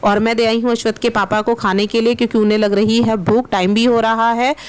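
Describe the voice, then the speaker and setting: A woman's voice: a little high, level tone, brisk, smooth. A woman from Meerut, India, narrating her day as a vlogger and housewife in casual vlog narration, chatty and explaining each step while talking straight to her viewers. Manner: chatty, explains steps and addresses viewers directly.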